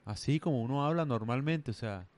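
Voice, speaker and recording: A man's voice: mid-range voice, expressive, brisk, a little mellow, no room sound. A man from the Caribbean coast of Colombia with its accent, ranting casually in a rambling, emphatic way full of slang. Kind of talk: casual rant to camera.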